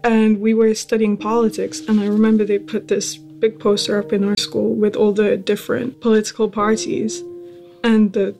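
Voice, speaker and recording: A woman's voice: medium pitch, level tone, normal speed, vocal fry, dark tone, soft background music. A young woman from the UK, a student, talking casually in an interview and often saying "like". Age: young adult. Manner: casual, with fillers like "like".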